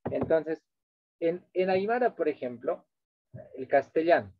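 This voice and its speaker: Teaching translation over a video call, this man alternates languages and keeps pausing to make sure his audience is with him. His pitch is slightly raised and his intonation lively; the audio is dry, close, dull and lo-fi.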